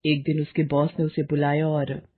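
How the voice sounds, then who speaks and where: A woman reading a family drama aloud as a storyteller, dramatic and emotive, with a husky, breathy voice. The audio is thin and phone-like. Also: deep voice, completely flat delivery, moderate pace. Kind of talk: scripted story narration.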